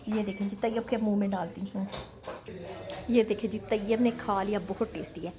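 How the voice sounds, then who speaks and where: A woman's voice: medium pitch, fairly even intonation, normal speed, crowd noise, poor audio. A woman, chatting casually to viewers in a home vlog, politely addressing them as she cooks. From Pakistan. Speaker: family vlogger and mother. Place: home kitchen and bedroom, indoors. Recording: household background noise.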